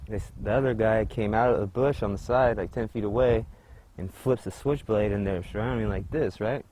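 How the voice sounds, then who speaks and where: A man's voice: lowish voice, brisk, warm tone, a little hiss or hum. A man being interviewed outdoors in a park, casually retelling events with quoted dialogue and some cussing. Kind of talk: casual storytelling.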